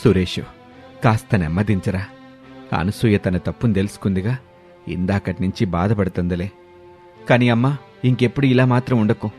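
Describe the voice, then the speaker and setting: Guy doing a gentle old father-in-law, low and soothing, storybook voice. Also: normal speed, pauses often, soft background music, close to an everyday voice. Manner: low, soft-spoken and soothing. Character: gentle older father-in-law, kind and calm.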